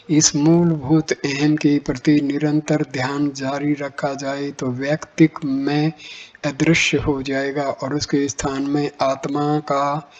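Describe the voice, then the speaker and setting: A man reading spiritual teachings aloud in a measured, explanatory way. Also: medium pitch, a little mellow. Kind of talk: slow reading of a spiritual text. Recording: dull lo-fi recording.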